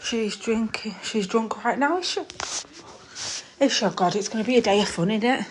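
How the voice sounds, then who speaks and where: A woman's voice: fairly high pitch, moderate pace, a little hiss or hum. A woman hosting a casual live stream from her room at home, chatting and gossiping into her phone, laughing at herself.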